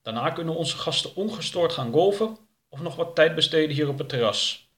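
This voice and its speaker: A man's voice: fairly high pitch, lively intonation, fairly quick, fairly bright tone, reverberant, pitched above the performer's own voice. Man playing a courteous, formal organizer in a storybook. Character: polite, formal male hotel organizer in a suit.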